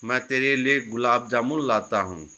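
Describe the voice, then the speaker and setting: A man voicing a kind, soft-hearted young man who speaks gently. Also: mid-range voice, normal speed, dull audio, lightly acted. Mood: concerned.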